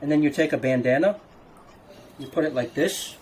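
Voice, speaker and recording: Man, slightly high voice, casual coaching, step-by-step instructions, faint noise behind. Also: normal speed, darkish tone.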